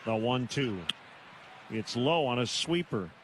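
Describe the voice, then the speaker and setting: A radio announcer calls live baseball play-by-play from a stadium broadcast booth, his medium-pitched voice expressive and slow. Outdoor stadium ambience is clearly audible behind him.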